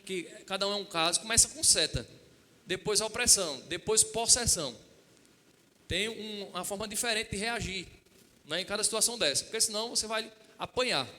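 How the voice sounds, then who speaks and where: A man's voice: high voice, brisk, long reverb tail. A middle-aged man preaching a storytelling sermon, acting out dialogue and often asking the congregation for an amen. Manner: asks the congregation "Amém?" and "Quem entende?"; lively retelling with acted-out dialogue. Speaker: pastor.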